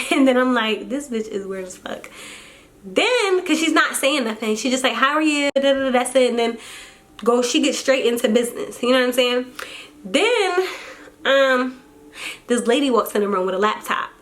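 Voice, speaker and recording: A young woman vlogging casually, telling a story in an animated, exasperated way and acting out what people said. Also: a little high, moderate pace.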